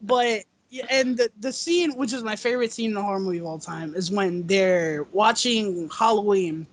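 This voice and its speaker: A guest on a casual movie chat over a video call, talking excitedly, laughing often and acting out quoted lines. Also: mid-range voice, normal speed.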